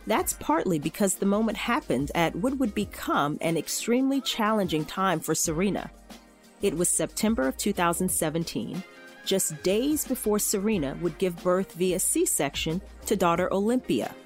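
A woman podcast host reading a scripted narration in a measured, expressive way. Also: mid-range voice. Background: faint music.

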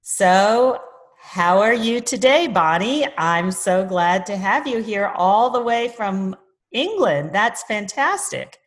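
A woman's voice: mid-range voice, expressive, slow pace. A woman hosting a podcast interview, introducing her guest in an upbeat, effusive way. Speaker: podcast host.

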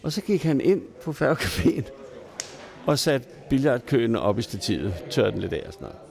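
Very animated, with a gravelly, darkish medium-pitched voice, a Danish storyteller relays old pub anecdotes in a neighbourhood pub. He's casual and salty in his phrasing and chuckles now and then.

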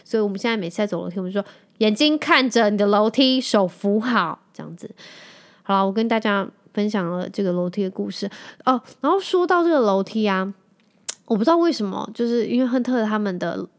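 A woman in her thirties with a Taiwanese Mandarin accent, hosting a podcast and telling a family story in a chatty, animated way, often speaking straight to her listeners. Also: mid-range voice, quick pace. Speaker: podcast host. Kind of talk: casual storytelling monologue.

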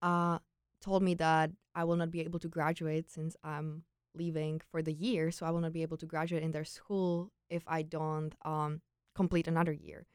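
A woman's voice: sits low, level tone, normal speed, smooth, dry recording, clean studio sound. A young woman from the Czech Republic with a Czech accent, telling personal stories casually and informally as an interview guest. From Czech Republic, grew up in Prague. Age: young adult. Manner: informal, peppered with "like" and quoted thoughts. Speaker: interview guest, former exchange student.

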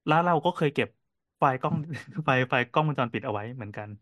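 A man co-hosting a casual podcast, telling cafe stories in a quick, animated way with lots of fillers. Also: mid-range voice, no room sound, clean studio sound. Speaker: podcast co-host and cafe owner.

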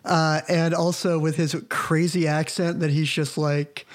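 A man co-hosting a podcast in relaxed casual chat, agreeable and easygoing. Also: on the high side, measured pace. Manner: easygoing, agreeable, lots of fillers. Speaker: podcast co-host.

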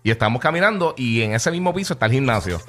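A man co-hosting morning radio, telling a story about his son in a relaxed way. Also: medium pitch. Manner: relaxed, quick back-channel replies. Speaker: radio show co-host. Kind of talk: casual radio banter.

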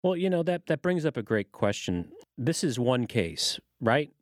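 A man's voice: medium pitch, sing-song, unhurried, no room sound, studio quality. A man hosting a news podcast, asking conversational questions and reading the closing credits. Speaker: podcast host. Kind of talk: podcast interview and outro.

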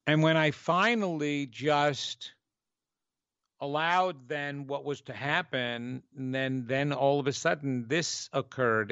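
A man's voice: mid-range voice, vocal fry, fairly bright tone, smooth, no room sound, dull audio. A man with a New York accent hosting a spiritual teaching show, speaking conversationally and emphatically, stretching key words. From New York, United States.

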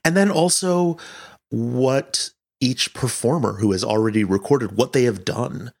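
A man who directs audio fiction chats casually in an interview, thoughtful and halting as he searches for words. His voice is fairly low and creaky.

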